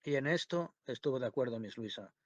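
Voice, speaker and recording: A man narrating a classic novel in a measured, even audiobook reading. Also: mid-range voice, no room sound, muffled recording. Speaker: audiobook reader. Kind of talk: scripted literary narration.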